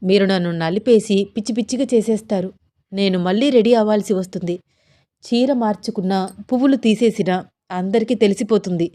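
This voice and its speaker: A shy, flustered young wife, protesting coyly in a mid-pitched voice, as read by a woman storyteller. Her lines come quick and bashful in a storybook romance. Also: warm tone, natural voice. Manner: protesting, coy.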